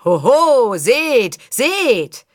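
A woman's voice: mid-range voice, big pitch swings, takes it slowly, pushed and bright, pitched above the performer's own voice, exaggerated voice. A woman voicing a boisterous middle-aged male showman with grand, sweeping declamation. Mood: boastful.

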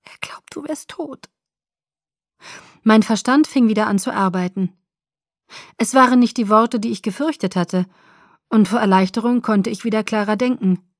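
Female audiobook narrator, mid-pitched, measured storytelling, dry studio sound. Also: no room sound. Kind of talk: first-person audiobook narration.

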